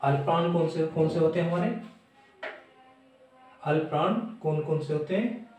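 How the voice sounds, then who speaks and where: A man teaching a blackboard grammar lesson, slowly repeating and sounding out letters aloud, in a classroom. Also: fairly high pitch, a little mellow, recorded from a distance, soft background music. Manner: slow, repetitive, demonstrating sounds aloud. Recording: echoey room, voice from the mic.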